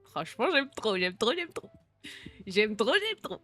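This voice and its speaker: A young woman streamer, talking in a relaxed, slangy way. She answers viewer messages and mixes reassurance with jokes. Soft music plays faintly behind her voice. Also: mid-range voice, measured pace. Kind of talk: casual chat reading out viewer messages.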